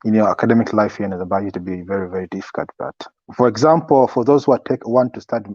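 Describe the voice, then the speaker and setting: A young man in a casual interview, giving advice as a student guest in a halting way, often repeating his words. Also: fairly low pitch, darkish tone. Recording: echoey, dull lo-fi sound.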